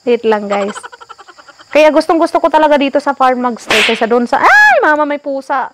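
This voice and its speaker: A high-pitched young woman chats casually for her cooking vlog and keeps up a stream of playful, teasing jokes. She is recording outdoors on a farm, and loud crickets and insects buzz steadily under her voice. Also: normal speed, heavy background noise. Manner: playful teasing, frequent joking asides. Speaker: vlogger.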